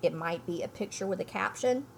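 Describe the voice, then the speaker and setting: Speaking fairly quickly with vocal fry, a woman teacher in elementary school leads a read-aloud lesson, reading and explaining a storybook. Her mid-range voice is emphatic as she thinks aloud for the children. Slight background noise can be heard.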